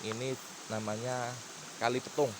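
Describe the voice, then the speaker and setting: A young man from Indonesia, talking haltingly and casually as he guides a night exploration vlog, often repeating words. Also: medium pitch, level tone. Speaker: vlogger, local guide. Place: outdoors at night beside a rural river. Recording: noisy outdoor recording with insects and stream. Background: crickets, insects, running stream.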